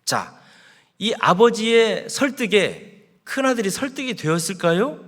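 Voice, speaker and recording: A man's voice: high-pitched, big pitch swings, measured pace, fairly bright tone. A male pastor preaching a sermon, telling a story with rising and falling emphasis. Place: church sanctuary.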